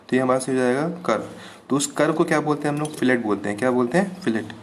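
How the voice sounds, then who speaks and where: A man teaching an engineering class, explaining each term slowly and checking over and over that students follow. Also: mid-range voice, a little hiss or hum. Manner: patient, repeats terms with "ठीक है, clear है" checks. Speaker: engineering lecturer. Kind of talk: classroom lecture.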